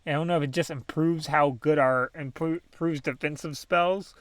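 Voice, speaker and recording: A man's voice: fairly high pitch, fairly even intonation, moderate pace, fairly bright tone, dry recording. A man casually commentating his own game play, thinking aloud with many ums and small laughs. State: has the hiccups. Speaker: gaming channel host.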